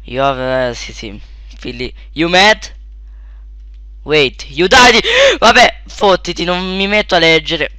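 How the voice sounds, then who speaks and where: A young man giving casual let's play commentary, shouting at sudden deaths and then muttering quietly to himself, close to a desk mic. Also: slow pace, smooth, no echo. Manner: excitable, yelps and shouts at in-game deaths, then mutters low.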